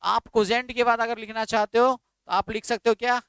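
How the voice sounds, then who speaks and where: A man leads a vocabulary lesson, drilling terms again and again. His voice sits high for a man and sounds clean and crisp. The recording is dry and close, with no room echo. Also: flat delivery, brisk, fairly bright tone. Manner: repetitive, drilling, asks students to write words down. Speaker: English vocabulary teacher. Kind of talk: classroom lecture in Hindi with English terms.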